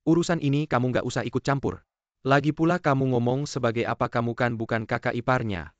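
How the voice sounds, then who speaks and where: A smug, condescending older brother, as a male dub actor plays him, mocking and teasing in dubbed TV drama dialogue. His voice is of middle pitch. The recording is dry and dull. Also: steady tone, quick pace, no room sound, close to an everyday voice.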